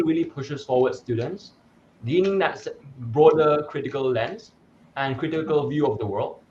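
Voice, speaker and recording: A young debate coach from Malaysia's Sarawak gives articulate, explanatory interview answers with a few fillers and restarts. His voice is medium in pitch, and the recording is muffled with a little hiss or hum.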